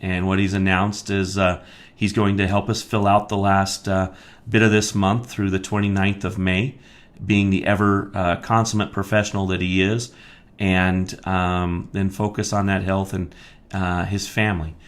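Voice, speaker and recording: An American man hosting a live stream as a county commissioner, talking emphatically and getting worked up, then speaking in a halting way with many fillers. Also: deep voice. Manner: worked-up, emphatic, rising to near-shouting; many fillers and restarts when calmer. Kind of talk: live-streamed political talk.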